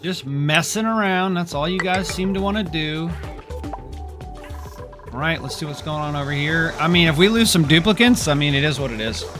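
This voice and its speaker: A man's voice: on the high side, normal speed. Sarcastic man grumbling over game music. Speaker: gameplay streamer. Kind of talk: exasperated gameplay commentary.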